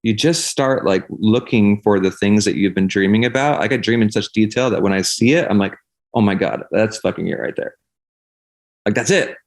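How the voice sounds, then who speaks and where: A man's voice: on the low side, normal speed. A man talking candidly and casually as a podcast guest, in an earnest, rambling way peppered with swearing.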